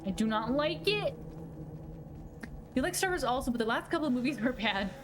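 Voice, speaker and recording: A woman game streamer giving casual commentary, chatty, jittery and expressive. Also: high voice, a little fast, over music. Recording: clear background game noise. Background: video game action.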